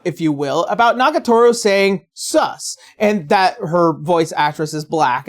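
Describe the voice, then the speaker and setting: A woman with a medium-pitched voice works as a video essayist, delivering scripted, opinionated commentary that is sarcastic, blunt and profane.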